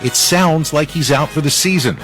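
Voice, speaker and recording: Sports radio guy reading football highlights, kinda high voice, punchy and informal, music bed. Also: moderate pace, fairly bright tone. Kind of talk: scripted football roundup narration with conversational asides.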